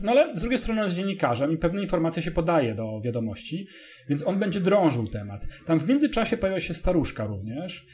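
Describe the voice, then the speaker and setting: A man co-hosting a casual, analytical film discussion, halting as he searches for words and corrects himself. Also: on the high side, darkish tone.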